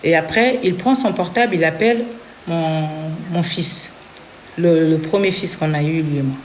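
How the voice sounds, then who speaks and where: A woman's voice: low-pitched, normal speed, slight background noise. A woman from Congo with a Congolese French accent, telling her own story in an earnest testimony and acting out what others said. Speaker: interviewee giving a testimony. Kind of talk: personal testimony.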